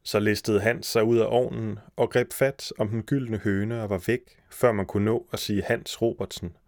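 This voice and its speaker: A man narrates a fairy tale in a steady, even storytelling manner. His voice sits low, and the recording is close and dry, with no room around it. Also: dry recording. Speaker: podcast storyteller.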